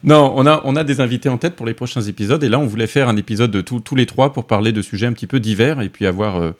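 A man's voice: mid-range voice, quick pace. A man hosting a casual tech podcast, steering the talk with questions and teasing his co-hosts. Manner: joking, leads with questions. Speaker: podcast host and moderator.

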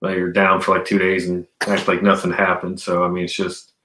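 A man's voice: deep voice, monotone, fairly quick, pushed and bright, a little hiss or hum. A man chatting casually as a podcast guest, with laid-back, slangy phrasing, recorded in an echoey room. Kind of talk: casual chat.

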